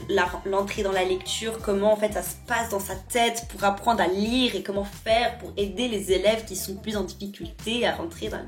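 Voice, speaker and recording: Casual young female vlogger, chatty and informal, roomy home sound with light music underneath. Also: mid-range voice. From Geneva, Switzerland. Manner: informal, self-mocking, chatty. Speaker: YouTube vlogger. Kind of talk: casual chat to camera, Q&A vlog. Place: indoors at home. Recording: roomy echo, faint music behind.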